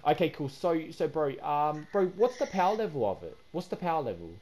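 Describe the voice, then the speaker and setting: A man hosting a game video, excitable and chatty, slipping into shrill indignation when he feels cheated. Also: brisk. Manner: excitable, repeats "guys" and "bro", turns shrill and indignant. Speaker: gaming YouTuber host. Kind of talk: gaming commentary with voice chat.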